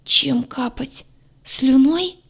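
A woman's voice: mid-range voice, a little slow, darkish tone, voice pushed up, natural voice. A woman voicing a huge, nervous horned male demon who pleads in panicky, stammering bursts, raised above her own voice. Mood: panicked.

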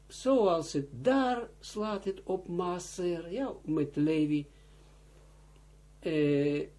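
A male rabbi leads a slow text study, reading out Hebrew and Aramaic phrases and explaining each one. His voice sits high for a man but sounds dark and a little husky. He restarts phrases often and keeps urging listeners to pay close attention. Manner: reads Hebrew and Aramaic phrases, then explains them in Dutch; halting, with restarts. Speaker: rabbi teaching Zohar. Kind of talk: line-by-line text study lesson.

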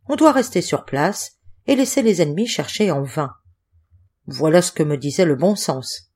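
A woman reading an adventure novel aloud as scripted audiobook narration, measured and expressive. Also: deep voice, breathy edge. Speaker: audiobook reader.

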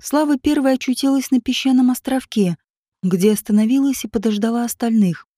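A woman narrating an audiobook in a steady, even reading voice. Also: fairly high pitch, a little fast, no echo, studio quality.

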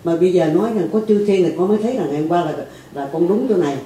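An attendee speaks quickly and at length to the teacher. The voice sounds dark and comes from far off in an echoey hall. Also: medium pitch, a little hiss or hum. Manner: rapid, rambling account. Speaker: retreat attendee asking a question. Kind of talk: question to the teacher.

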